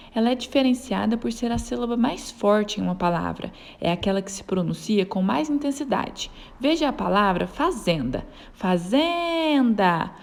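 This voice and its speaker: Woman teaching, lively pitch. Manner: clear, slow stretched syllables when sounding out example words. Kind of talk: scripted lesson narration.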